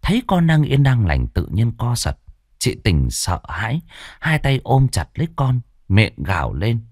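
A man narrating a village horror story in a dramatic reading style, slowing down for suspense. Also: mid-range voice, wildly swooping pitch, darkish tone, no echo, clean studio sound. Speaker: audiobook narrator.

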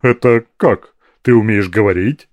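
A brash, lustful fat woman barks her demands, as a male audiobook reader puts her on. Her voice sits a little above his usual pitch and turns shrill when she gets scared. The recording is dry and close. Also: big pitch swings, moderate pace, darkish tone, no room sound, lightly acted. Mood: crude. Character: fat, crude, lustful woman brothel customer.

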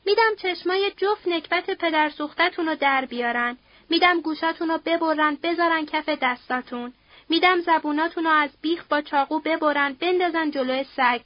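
A woman's voice: high voice, dry recording, natural voice. A woman voicing a cruel, domineering nobleman who bellows threats in a story reading, recorded dry and dull. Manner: furious, bellowing, harsh.

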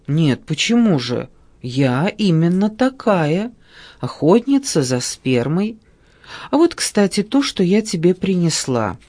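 A man's voice: high voice, big pitch swings, slow, a little mellow, exaggerated voice. A man reading aloud and voicing a blunt, sarcastic pregnant young woman in a storybook, speaking in curt, dry lines.

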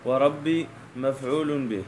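A man reading a classical grammar text aloud in a class, in a measured way and pausing at hard words. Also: mid-range voice, slight background noise.

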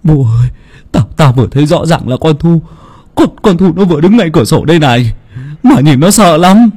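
A man's voice: low voice, big pitch swings, fairly quick, warm tone, breathy edge, voice pushed down, heavily acted. A man voicing an old father overcome by grief and fear, stammering and wailing as he talks. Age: older.

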